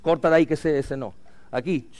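A man preaching a sermon as pastor, swinging from loud cries to hushed lines. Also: a little high, fairly quick.

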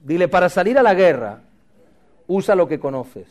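A man's voice: high-pitched, sing-song, normal speed, a little mellow. A male pastor delivering a dramatic sermon, with humorous asides and lines the congregation repeats back. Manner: dramatic, calls for congregation responses.

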